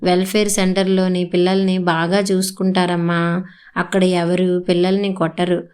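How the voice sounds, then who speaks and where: A woman voicing a gentle grandmother in a storybook reading, consoling and soothing. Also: on the low side, level tone, moderate pace, clean tone, close to an everyday voice.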